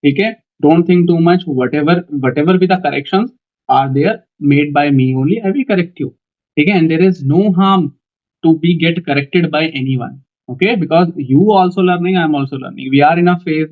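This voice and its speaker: A young man with an Indian English accent giving a coaching lecture, speaking in a calm, measured way and often repeating "okay" between points. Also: fairly high pitch. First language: Hindi. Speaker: teacher for defence exam interviews. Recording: dull lo-fi sound.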